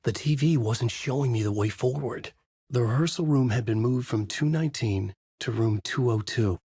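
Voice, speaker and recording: Narrating as a troubled novelist in a horror video game, the actor uses a husky, deliberate noir delivery at medium pitch, and his mood is grave and brooding. The sound is studio quality, with no echo.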